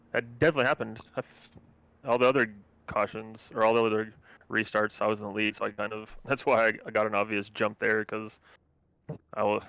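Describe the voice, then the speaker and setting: Low bright-voiced race winner. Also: male voice, gravelly, smooth, no echo, rough recording. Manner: matter-of-fact, explaining his restarts. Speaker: race winner being interviewed. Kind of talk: casual post-race interview.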